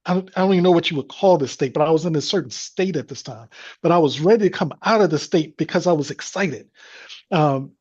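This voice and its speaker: A man's voice: on the high side, quick pace, a little mellow, husky, highs cut off. A man telling a personal faith story as a guest, in an earnest, devout manner. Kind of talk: personal testimony.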